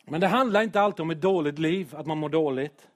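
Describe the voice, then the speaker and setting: Earnest pastor preaching in church. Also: male voice, on the high side. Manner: earnest, emotional, sometimes loud with self-deprecating humor. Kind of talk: sermon.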